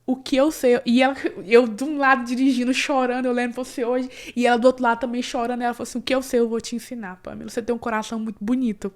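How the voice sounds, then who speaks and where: A woman's voice: a little high, little pitch movement, rapid-fire, hardly any pauses, darkish tone. Earnest woman telling her story. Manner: earnest storytelling, many fillers and restarts. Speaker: interview guest, cleaning business owner. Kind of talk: emotional personal story in casual conversation.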